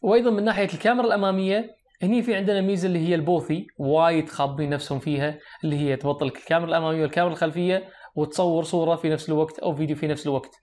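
A young adult tech reviewer with a Kuwaiti Arabic accent sits at a desk in a small indoor room close to the camera, reviewing a phone and explaining its features directly to viewers. His voice is on the high side and a little mellow, steady in tone and very fast.

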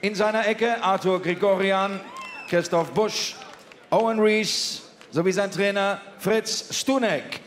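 Casting: male boxing ring announcer, high projected voice, formal and drawn-out delivery, echoey arena PA. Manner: booming, ceremonious, projecting to the arena. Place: large indoor boxing arena. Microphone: announcer microphone over arena PA. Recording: echoey arena PA with loud crowd noise.

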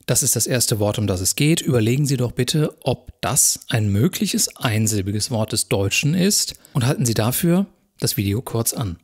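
In a recorded university lecture, a man calmly and methodically works through exam questions step by step, speaking directly to viewers. His voice is mid-range and his pace normal.

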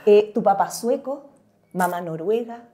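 A woman hosts a casual interview at a medium pitch. She talks in a chatty, teasing way, prodding her guest with light jokes. Her questions stay easygoing. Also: a little slow, warm tone. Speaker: podcast host.

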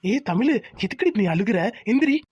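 A woman voicing a gentle, devoted young village husband who works as a mechanic. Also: mid-range voice, lively intonation, husky, no room sound. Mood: tender. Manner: gentle, reassuring, quick talk. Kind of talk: cartoon voice acting.

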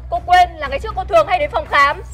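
A stern young doctor, played by a woman, in a web skit drama. She scolds firmly in a very high, quick voice. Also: fairly bright tone. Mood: reproachful. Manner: firm, reproachful. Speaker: actor.

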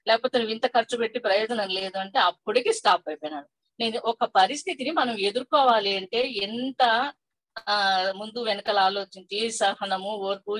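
A woman's voice: a little high, no room sound, low-quality recording. Older woman telling a family story. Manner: conversational, quotes family members in lively asides. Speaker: workshop participant sharing experience. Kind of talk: personal storytelling.

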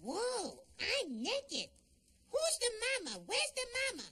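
A performer voicing a clingy, bratty infant dinosaur in a squeaky high baby voice, in a TV sitcom. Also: female voice, wildly swooping pitch, slow pace, fairly bright tone, heavily acted. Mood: babyish.

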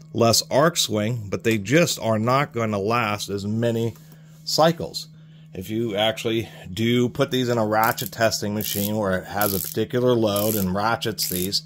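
A man reviewing hand tools at his workbench in a casual, explanatory way, rambling and restarting his sentences. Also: on the low side. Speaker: tool reviewer. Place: workshop bench, hands on tools.

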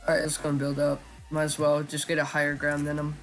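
A man giving casual live commentary while he plays a shooter game, talking in a flat, chatty way with lots of ums. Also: fairly high pitch, fast talker, soft background music. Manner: self-described monotone, chatty, with frequent ums. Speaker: gaming YouTuber.

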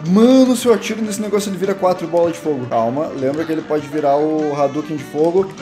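Young brazilian dude yelling through a boss fight, self-mocking, light game music behind. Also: male voice, on the high side, fast. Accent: Brazilian Portuguese. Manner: excitable, yelps and exclaims constantly, self-mocking. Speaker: gaming channel host. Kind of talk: live gameplay commentary. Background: faint game music.

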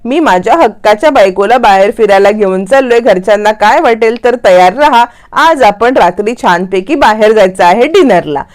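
A woman's voice: medium pitch, lively intonation, moderate pace, hardly any pauses, natural voice. A woman voicing a young husband, earnest and firm, in a retold serial story. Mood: coaxing.

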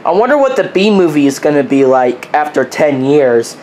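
A woman playfully voicing characters in a homemade toy video, lively and exaggerated. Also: sits low, normal speed, slight background noise.

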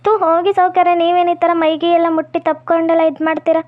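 A young woman with a North Karnataka Kannada accent playing a spirited unmarried village woman who talks back quickly. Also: very high voice, level tone. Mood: protesting. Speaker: actor in a village skit. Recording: dull lo-fi audio.

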